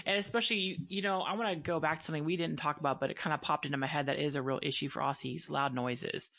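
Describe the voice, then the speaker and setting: Woman hosting a chat, earnest and emphatic, thinking out loud, dry close sound. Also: sits low, fairly even intonation, fast, gravelly, no echo. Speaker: podcast host and dog breeder. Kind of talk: casual conversation.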